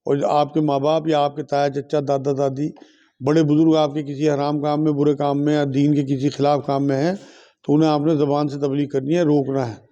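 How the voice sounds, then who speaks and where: A man's voice: on the high side, flat delivery, brisk, warm tone, highs cut off. A man, an Islamic scholar from India, repeats questions from his listeners and answers them firmly in a religious question and answer session.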